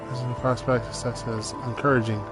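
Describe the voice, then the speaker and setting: A man with a mid-range voice plays through a game and reads its dialogue aloud. He stumbles and restarts on words between casual asides. Game music plays clearly behind him. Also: medium pitch, flat delivery, fairly quick. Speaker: video game streamer. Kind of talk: let's play commentary.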